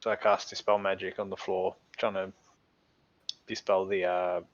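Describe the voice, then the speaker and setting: A man's voice: deep voice, flat delivery, moderate pace. A man playing a tabletop game, eager and explaining the rules as he casts a spell. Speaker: player. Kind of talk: casual tabletop game chat. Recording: dull lo-fi recording.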